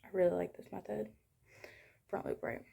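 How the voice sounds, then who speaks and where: A young woman talking casually and softly while showing her crochet work at home, sometimes dropping to a hush. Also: fairly low pitch, fairly even intonation, moderate pace, vocal fry, slightly rough. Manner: soft-spoken, sometimes hushed. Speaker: crochet vlogger. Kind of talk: casual crochet tutorial chat.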